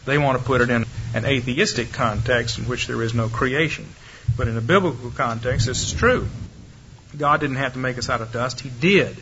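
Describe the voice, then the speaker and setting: A man giving a Bible lecture to a live audience, emphatic and demonstrative, speeding up and slowing down and shifting loudness to make his points. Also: medium pitch. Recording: dull lo-fi archive recording with faint hiss.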